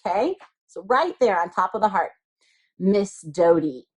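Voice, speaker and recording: This woman's voice is mid-range and sing-song, with a breathy edge and a measured pace. She is an elementary school craft teacher explaining a craft to young children simply and patiently, step by step, repeating phrases and asking little questions.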